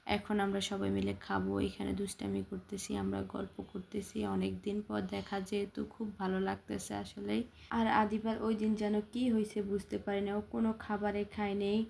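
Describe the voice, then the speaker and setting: A woman's voice: mid-range voice, completely flat delivery, moderate pace, creaky, darkish tone, slight background noise. A woman from Bangladesh narrating her family outing as a vlog voice-over, in a plain conversational storytelling way. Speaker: vlogger.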